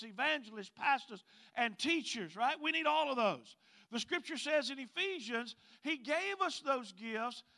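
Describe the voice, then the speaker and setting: Calling on the congregation to respond, a man preaches with a Southern US Mississippi accent and draws out scripture emphatically. His very high-pitched voice is gravelly, pushed and bright.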